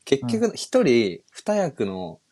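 A man's voice: medium pitch, wildly swooping pitch, drawn-out words, creaky, dark tone, breathy edge, no echo. A man around thirty co-hosting a casual podcast chat, telling a rambling story full of fillers and half-finished quotes. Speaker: podcast co-host.

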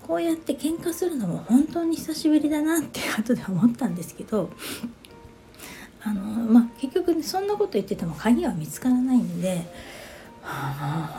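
A woman in her fifties tells a story in a relaxed, chatty monologue with a mellow, warm tone. She keeps turning to her listeners to ask what they make of it, and faint music plays softly behind her. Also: fairly high pitch. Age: 50s. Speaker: podcast host.

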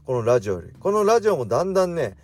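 A man in his forties hosting a casual solo radio talk, drifting faster as he goes and correcting himself mid-phrase. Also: on the high side, very animated. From Japan. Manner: speeds up as he talks, with self-corrections. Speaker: radio show host.

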